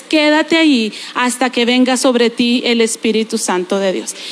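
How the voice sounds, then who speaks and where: A middle-aged woman preaches a sermon, her voice sitting high. She talks with animation and humorous asides, then slows right down to sound out Greek words. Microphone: recorded during a church service.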